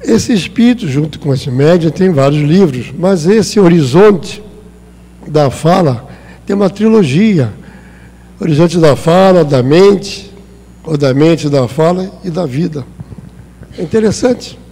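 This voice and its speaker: A Brazilian man giving a spiritist lecture in a hall with long reverb. His voice sits fairly high but sounds mellow and dark. He talks in a conversational way and acts out small exchanges. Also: expressive, measured pace, breathy edge. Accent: Brazilian Portuguese. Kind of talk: spiritist talk.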